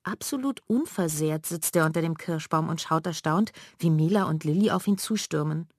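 A woman narrating a children's audiobook in a clear storytelling manner. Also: deep voice, normal speed, no echo, studio quality.

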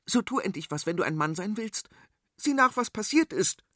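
A man voicing a sharp-tongued, bossy young princess. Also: on the high side, animated, fast talker, slightly rough, no room sound, studio quality, voice pushed up. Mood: commanding. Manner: snappish, sarcastic.

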